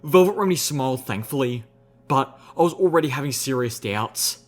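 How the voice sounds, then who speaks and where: A young adult man reading a story aloud as an audiobook narrator, steady and expressive. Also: mid-range voice, brisk. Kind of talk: scripted narration.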